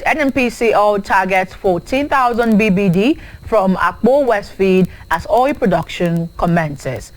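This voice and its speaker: A woman's voice: medium pitch, poor audio. Nigerian woman presenting a newspaper review. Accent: Nigerian English. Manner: brisk headline reading with spoken asides. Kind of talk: reading headlines and studio chat.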